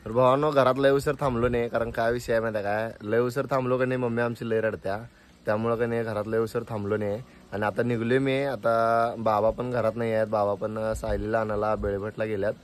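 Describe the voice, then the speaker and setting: A young man talks to the camera in a loose vlog style. His voice sits at a middle pitch. He sounds chatty and teasing, at home and then out on the road. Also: level tone, fairly quick, a little hiss or hum. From Kolhapur region, India. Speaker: vlogger. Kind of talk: casual vlog talk to camera.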